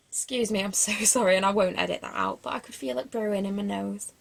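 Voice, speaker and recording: A young woman in her twenties talks through a beauty haul in a rambling, casual way. Her voice has a noticeable creaky fry, and she fills gaps with ums and self-deprecating jokes. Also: medium pitch, brisk, a bit bright. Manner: rambling and chatty, lots of fillers and restarts. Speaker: beauty vlogger. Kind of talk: casual product review chat.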